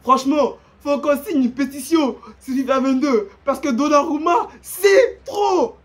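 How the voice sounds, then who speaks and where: A young man commentating his own football video game match, excitable and slangy, repeating himself and breaking into shouts and laughs. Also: very high-pitched, measured pace. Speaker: gaming YouTuber. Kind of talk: live gameplay commentary.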